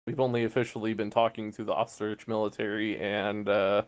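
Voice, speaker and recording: A man's voice: fairly low pitch, level tone, a little fast, clean tone, close to an everyday voice. Man playing a polite arms salesman. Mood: courteous. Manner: courteous sales patter.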